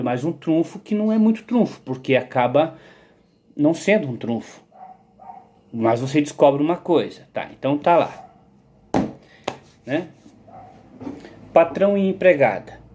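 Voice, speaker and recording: A man's voice: fairly high pitch, dark tone, slight background noise. A man giving a rambling philosophical monologue about his own theory. He digresses, repeats words and keeps checking "entendeu?".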